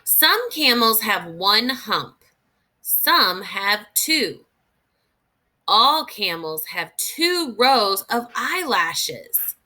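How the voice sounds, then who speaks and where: Her pitch medium, a teacher reads aloud from children's nonfiction in an expressive, deliberate manner. She pauses to talk through her thinking for young learners.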